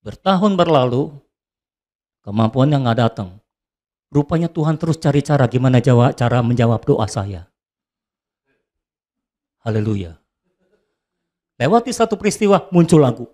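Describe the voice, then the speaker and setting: A man preaching a sermon as a pastor, swinging between loud high calls and soft low asides. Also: very animated, moderate pace, long pauses.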